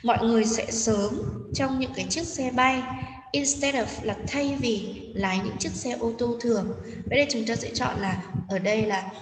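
A woman teacher with a fairly high voice walks students through an exercise, pausing often and checking they follow. She sounds a little distant from the mic, in a room with a long echo and a faint hiss of noise. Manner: patient, explanatory, with frequent hesitation fillers and check-in questions. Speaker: English teacher. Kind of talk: explaining a textbook exercise to students.

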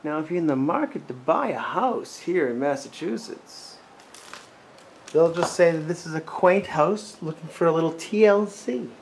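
This man's voice is on the high side and gravelly, with lively intonation at a normal speed. An American in his forties, he's an urban explorer vlogger wryly narrating a casual vlog inside and behind a derelict abandoned house, muttering asides to himself. Noisy sound from a handheld camera mic.

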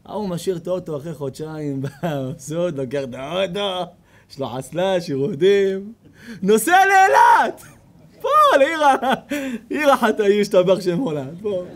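High-voiced, animated rabbi telling stories. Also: male voice. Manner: animated, acts out characters with sudden shouts. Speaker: rabbi giving a Torah lecture. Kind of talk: lively sermon with humorous storytelling. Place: outdoor evening event before an audience.

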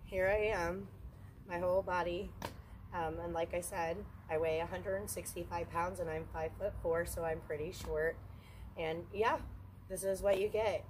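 The audio is poor, with a little hiss or hum, as a fairly low-pitched woman in her forties talks at a moderate pace. Hosting her witchcraft channel from the woods, she speaks frankly and easily to a phone camera held at arm's length.

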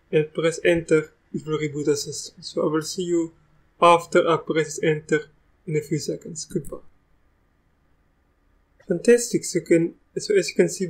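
A young man with a South African accent with some Russian in it hosts a live computer tutorial. His voice sits a bit high and stays fairly flat in melody. He chats easily and often restarts his sentences. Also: poor audio. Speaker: tech tutorial host. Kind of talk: live screen-recorded software tutorial.

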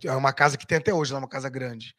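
Animated storyteller from Rio. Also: male voice, medium pitch, rapid-fire. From Brazil. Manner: animated, acts out quoted voices, swears freely. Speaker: guest, former footballer. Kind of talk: casual storytelling.

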